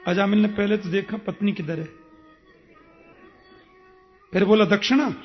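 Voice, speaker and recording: A man with a high voice preaches a devotional story, dramatically acting out each character as he narrates. The recording sounds dull and lo-fi, with faint music underneath. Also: fairly even intonation, a little slow. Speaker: kathavachak preacher.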